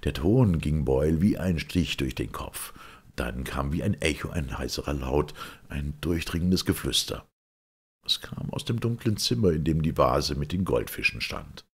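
A man's voice: rumbling low, normal speed, slightly rough. A man narrating a detective story expressively as an audiobook reader. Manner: expressive, dramatic. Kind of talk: literary narration.

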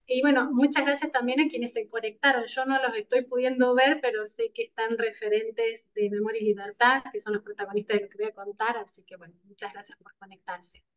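A woman in her thirties with an Argentine accent from Córdoba, giving a formal seminar presentation from home over a video call, measured, with frequent "eh" pauses. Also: fairly high pitch, steady tone. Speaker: seminar speaker. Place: home room with plants, indoors. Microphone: laptop webcam on a video call. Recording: muffled video call audio.

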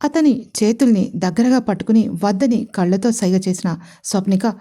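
A woman reads her own written romance story aloud in a calm, steady narration. Her voice is mellow and warm, with a middle pitch. It is a spoken audio story. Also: normal speed. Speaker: writer and narrator.

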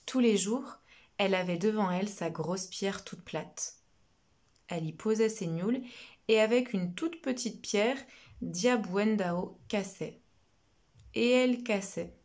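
A woman reading a children's story aloud and taking her time over every line. Her delivery is slow and expressive, and her pitch stays in a middling range.

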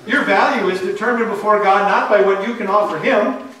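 Echoey higher-voiced man preaching. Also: a little fast, bright, forceful tone, slight background noise. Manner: earnest, emphatic preaching with rhetorical questions. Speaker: pastor. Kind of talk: sermon. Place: church sanctuary, indoors. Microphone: far camera. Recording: echoey church from far off.

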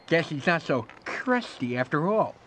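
Pushy upbeat director, bright voice, high lively pitch, game. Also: male voice, slight background noise. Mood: brisk. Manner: bright, brisk showbiz talk. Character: brisk male show director, upbeat and pushy.

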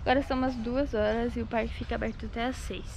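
A woman's voice: a little high, fairly even intonation, rapid-fire, darkish tone. A woman talking through a face mask as she chats casually to her viewers on a travel vlog, explaining things as she goes. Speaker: travel vlogger. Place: outdoor park. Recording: outdoor recording with clear background noise.

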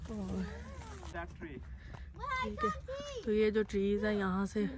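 A woman's voice: medium pitch, very animated, slow. Woman walking fields w phone, chatty, bit winded, faint outdoor hiss. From Pakistan. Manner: chatty, explaining to the camera while walking. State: slightly out of breath and coughing. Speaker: vlogger. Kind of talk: casual walking vlog narration. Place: outdoors in open farm fields. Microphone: phone camera held while walking.

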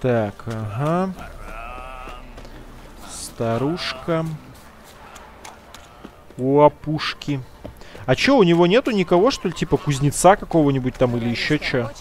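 With a fairly high pitch and lively intonation, a man narrates his gameplay casually, addressing viewers as "guys" in slang. He mutters his thoughts and muses slowly to himself, and there's slight background noise.

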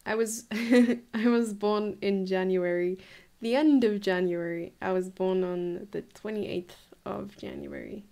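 Chatty young woman, slightly gravelly voice. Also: medium pitch, steady tone, slow, dark tone. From South Africa. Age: 20s. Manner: chatty, enthusiastic, laughs and muses aloud. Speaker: chess coach. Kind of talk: live-streamed chess lesson. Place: home room, indoors.

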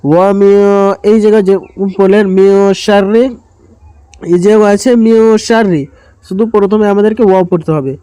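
A man teaching Quran recitation step by step, explaining each word and then chanting the verses slowly and drawn out. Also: high-pitched, fairly even intonation, warm tone, smooth, dry recording. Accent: Bangladeshi Bengali.

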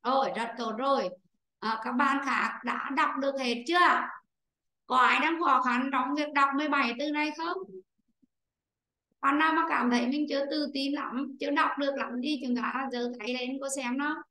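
A woman teaching English pronunciation in an online class, explaining slowly and repeating key points for her students. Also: sits high, fairly even intonation, pushed and bright, roomy sound, rough recording. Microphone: computer microphone on a video call.

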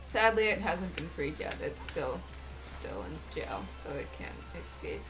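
A young woman in casual gaming banter, tossing out blunt, teasing quips. Her voice swings widely and lively in pitch. Faint game music hums underneath. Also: unhurried, low-quality recording.

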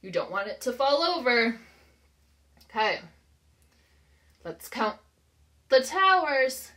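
Speaking slowly with big pitch swings, this American woman in her thirties has a fairly high voice and a sharp tone. She teaches preschool and is reading aloud to young children, prompting them with simple, encouraging questions.

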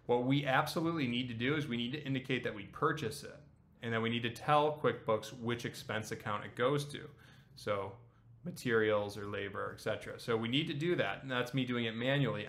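A man in his thirties leads a screen-share tutorial in a bright, forceful voice at a middle pitch. He talks casually and explains each step, often pausing to ask "okay?". He sounds like a hands-on instructor speaking from a small room. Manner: casual, explanatory, frequent "okay?" check-ins. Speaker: accounting instructor.

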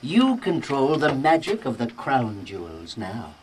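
A man's voice: mid-range voice, wildly swooping pitch, measured pace. A man playing a wise, kindly old cartoon wizard who speaks in a grand, solemn way. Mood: solemn explaining. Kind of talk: cartoon voice acting. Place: recording studio booth. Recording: distant, noisy studio tape.

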